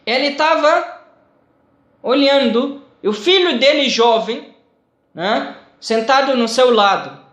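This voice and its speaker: A man giving a religious lesson, speaking slowly and haltingly in simple phrases with many repeats. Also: extremely high pitch, a bit bright. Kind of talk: sermon-like lesson. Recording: echoey room.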